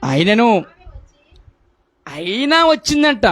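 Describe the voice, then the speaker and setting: High-voiced guy preaching at a prayer meeting, says things over and over, keeps asking the congregation questions. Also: sing-song, takes it slowly, a bit bright. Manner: repetitive, asks the congregation rhetorical questions.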